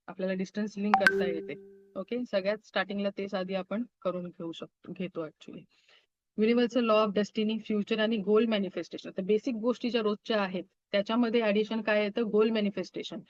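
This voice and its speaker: Over a video call, a woman with a mid-range, slightly mellow voice lectures an online Reiki class, frequently asking her students quick check-in questions and slipping English phrases into her speech. The video-call audio is dull and dry, with no room sound.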